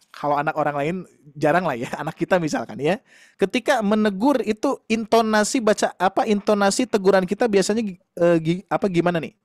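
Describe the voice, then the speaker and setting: High-voiced man teaching recitation. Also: no echo, clean studio sound. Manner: patient, explains with demonstrations and gentle laughs. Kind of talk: online tajwid class.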